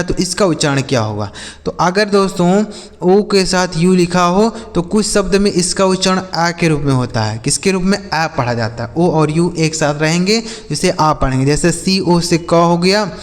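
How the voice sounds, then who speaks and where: A man teaching English reading who spells words out letter by letter, sounds them slowly, and keeps quizzing his viewers, whom he calls friends. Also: high voice, in a large hall. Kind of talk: spoken phonics lesson.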